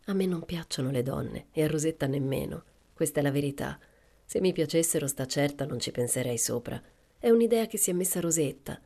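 A woman's voice: low voice, expressive, a little fast, warm tone. A woman reading aloud, voicing a self-assured, worldly young woman who talks in a cool, matter-of-fact way.

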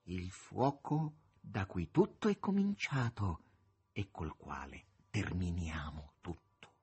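Male reader as sly demon henchman, husky and theatrical, audiobook read-aloud. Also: sits low, animated, slow, dark tone, pitched below the performer's own voice, exaggerated voice. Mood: mocking. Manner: mocking, theatrical.

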